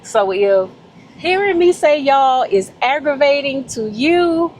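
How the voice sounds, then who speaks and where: Southern woman vlogger, drawn-out delivery, warm and effusive, slight background noise. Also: sits high, low-quality recording. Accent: Southern American. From Southern United States. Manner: effusive, animated, heartfelt, addresses viewers as y'all. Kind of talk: casual vlog chat.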